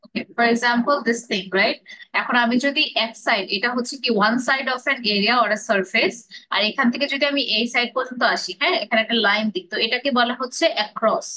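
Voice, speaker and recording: A woman's voice: on the high side, pushed and bright, rough recording. A woman with a Bangladeshi accent teaching an English grammar class, drilling pronunciation and mixing English phrases into her explanations.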